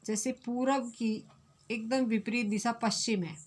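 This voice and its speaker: A woman's voice: on the high side, steady tone, unhurried, darkish tone. Woman teaching a Hindi grammar lesson. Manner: clear, repeats definitions.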